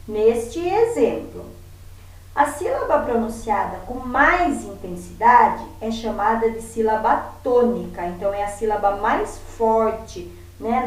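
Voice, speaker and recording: A woman teacher talks her pupils through a lesson at an unhurried pace, patiently sounding out example words. Her voice sits a little high and reaches the mic from a distance, in a very echoey room. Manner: patient, repeats words slowly to model stress.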